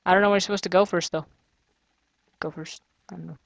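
A chatty gamer talks through a custom game map in casual let's-play commentary, thinking aloud, grumbling and throwing in sarcastic jokes. The voice sits at an ordinary middle pitch. It is recorded dry and close, with no room sound at all. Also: fairly even intonation, fast talker, creaky, no room sound, lo-fi sound.

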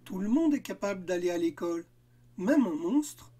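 A man voicing a brother and sister, two young schoolchildren, in a cartoon story, with a raised, childlike pitch. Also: lively intonation, moderate pace, warm tone, slightly rough, recorded from a distance. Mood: encouraging.

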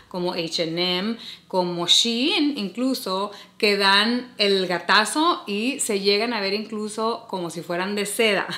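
This is a fashion and beauty vlogger in her forties, seated before her bed and offering friendly, casual advice to the camera. She has a mid-range voice and a warm, chatty manner, addressing her audience as "hermosas." The camera frames her at chest height, and the bedroom gives the sound a spacious echo.

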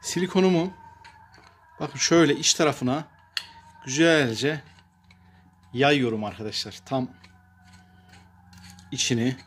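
A man calmly talking viewers through a repair job step by step, pausing often with fillers as he works. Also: mid-range voice, breathy edge. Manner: plain and unhurried, addresses viewers as friends, frequent filler pauses. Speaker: DIY repair presenter. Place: workshop bench and outdoor paved yard.

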